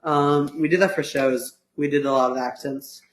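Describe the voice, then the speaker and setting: A man's voice: fairly high pitch, fairly even intonation, moderate pace. Chatty teenage guy in an echoey room. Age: teens. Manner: chatty, teasing, fillers like "um" and "like". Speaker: podcast co-host. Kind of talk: casual chat.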